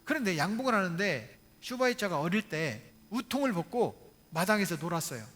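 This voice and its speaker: A man's voice: high voice, big pitch swings, moderate pace, a bit bright. A male pastor preaching a Sunday sermon in church, asking the congregation questions and telling stories with humorous asides. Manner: retells stories with acted quotes. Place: church, Sunday service video.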